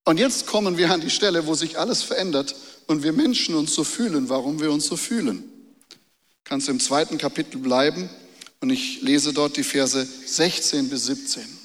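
Male pastor, somewhat high voice, sermon delivery with rhetorical questions and repeated phrases; reverberant hall. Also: moderate pace. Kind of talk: sermon with Bible reading.

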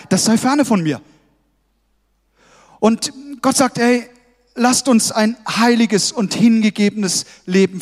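A man preaching a sermon to his congregation, emphatic and exhorting, often calling out "hey" to stir them. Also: high voice. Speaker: pastor. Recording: long hall reverb.

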